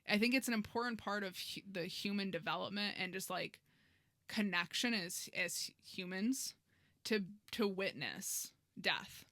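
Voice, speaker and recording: A woman's voice: mid-range voice, sharp tone, no room sound, clean studio sound. A woman co-hosting a podcast who talks in an earnest, reflective way, thinking aloud with fillers. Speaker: podcast co-host, embalmer. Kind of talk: casual podcast conversation.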